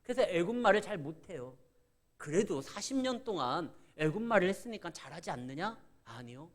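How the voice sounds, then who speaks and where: Middle-aged pastor, Chungcheong accent, preaching in a high, lively voice, acts out dialogue in his stories. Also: a little fast. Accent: Chungcheong Korean. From Korea. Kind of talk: sermon.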